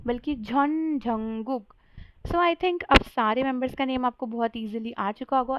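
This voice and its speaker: Woman, casual explainer teacher who drills syllables by repetition; slightly high voice, dead-dry dull audio. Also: clean tone, no echo. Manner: drills sounds slowly, repeating each syllable. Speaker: pronunciation teacher.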